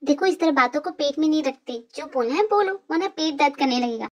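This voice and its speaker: A woman's voice: high-pitched, lively intonation, quick pace. A woman voicing a vain, spoiled young college girl in a fan dub drama, teasing, pushy and boastful.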